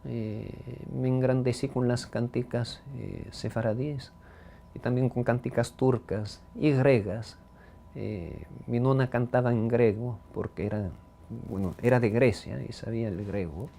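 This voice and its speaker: A Bronx-raised man with a Ladino-speaking New York accent talks through his life story, steady at a middle pitch. His voice is mellow and warm rather than bright. He is thoughtful, often pausing on a drawn-out "eh" before going on. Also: gravelly, slight background noise. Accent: Ladino-speaking New Yorker. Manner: thoughtful, with frequent "eh" pauses. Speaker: interviewee. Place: his home.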